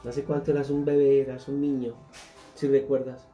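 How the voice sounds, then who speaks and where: A man's voice: mid-range voice, little pitch movement, moderate pace, muffled recording, soft background music. A man, a pastor, teaching a Bible class and speaking earnestly, putting questions straight to his listeners.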